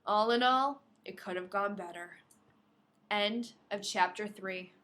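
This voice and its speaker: This woman co-hosts a podcast, reading a novel aloud with casual banter, her manner informal and playful and her reading dramatic. Her voice is medium in pitch, a little slow, and slightly bright.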